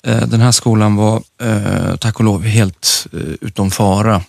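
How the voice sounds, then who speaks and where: A man's voice: lowish voice, fairly even intonation, creaky, a little mellow, dry recording, studio quality. A man co-hosting a casual podcast chat, teasing his friend with frequent restarts. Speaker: podcast co-host.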